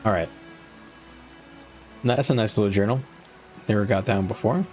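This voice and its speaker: A man's voice: lowish voice, moderate pace, a little mellow, soft background music. A man giving casual gameplay commentary as a streamer, informal and slangy, thinking aloud as he goes. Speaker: gaming streamer.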